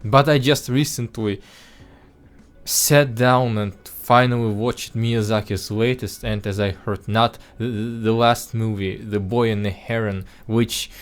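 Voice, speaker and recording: Over soft music, a non-native English speaker whose accent has struck listeners as Russian gives an informal film review. His voice sits on the low side, even and unhurried, and he talks earnestly, with frequent false starts and fillers.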